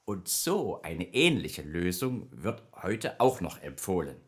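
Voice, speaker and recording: In this children's radio play, a man voices a chatty, good-natured nightmare spirit who patiently explains dreams. His low, slightly rough voice is very animated and exaggerated, yet his pace stays slow. At first he dodges the question, then he becomes forthcoming.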